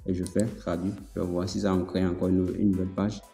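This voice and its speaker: A man's voice: low-pitched, little pitch movement, quick pace, creaky, dark tone. Man explaining casually in an echoey room. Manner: repeats himself, checks in with "d'accord?"; chatty, filler-heavy explaining. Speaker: tutorial host. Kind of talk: casual software walkthrough. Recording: echoey room, long reverb, faint music.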